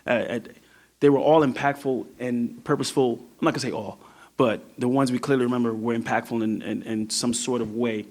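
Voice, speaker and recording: A man's voice: mid-range voice, steady tone, a little fast, a little mellow. Reflective male singer as guest. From New York. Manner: reflective, restarts often. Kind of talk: casual interview talk.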